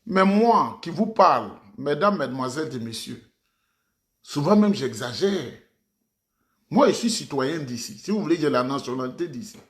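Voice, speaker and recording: Guy ranting about politics, kinda high voice, repeats himself a lot, talks to the crowd like a speech. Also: lively intonation, normal speed, fairly bright tone. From Ivory Coast. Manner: declamatory, repeats phrases for emphasis, addresses audience formally. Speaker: political commentator. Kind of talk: impassioned political commentary.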